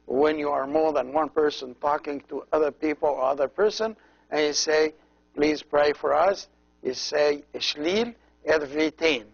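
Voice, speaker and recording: A man teaching a language lesson as a priest, slowly repeating each word and explaining how every letter is pronounced. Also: a little high, fairly even intonation, gravelly. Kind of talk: slow, patient language lesson. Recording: dull lo-fi recording.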